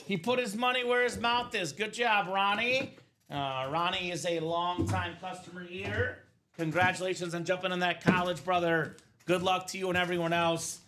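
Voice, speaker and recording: A man's voice: sits high, fairly even intonation, normal speed, sharp tone, a little hiss or hum. A man in his thirties, originally from Bulgaria, hosting a live sports card break show with upbeat hype-style chat. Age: 30s. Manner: upbeat, hype-style, calls viewers brother. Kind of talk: live stream sales chat.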